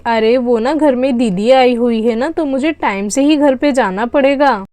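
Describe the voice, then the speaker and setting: A woman's voice: on the high side, normal speed, mellow, no echo, natural voice. A woman voicing a chatty, carefree young woman college student in a doll story. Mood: hurried.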